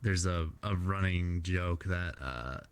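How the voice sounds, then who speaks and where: A man's voice: deep voice, takes it slowly. A man speaking in a casual, blunt, slangy way in an interview chat.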